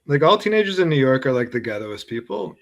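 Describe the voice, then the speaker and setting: A man's voice: medium pitch, sing-song, fast, lo-fi sound. A young man talking as a podcast guest, laid-back and full of fillers. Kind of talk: casual podcast chat.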